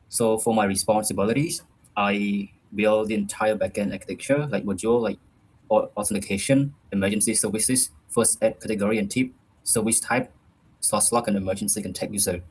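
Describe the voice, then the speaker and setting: Young guy, low voice, student doing a prepared tech presentation. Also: husky, poor audio. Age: young adult.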